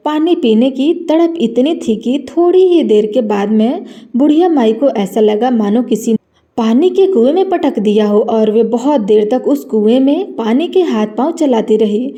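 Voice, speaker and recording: A woman narrating a devotional story in a steady, earnest way. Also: fairly high pitch, normal speed.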